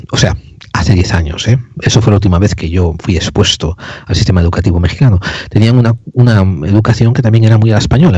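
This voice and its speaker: A man's voice: lowish voice, mellow, husky, dry recording. A man hosting a casual chat, telling stories and swearing freely, his voice a bit metallic. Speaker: host. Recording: slightly metallic, dull sound.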